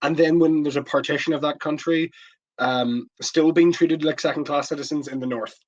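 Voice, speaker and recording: A man's voice: a little high, steady tone, lo-fi sound. A man co-hosting a podcast, arguing politics in a heated casual chat with many restarts. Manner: heated, rapid, stumbling restarts. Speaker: podcast co-host.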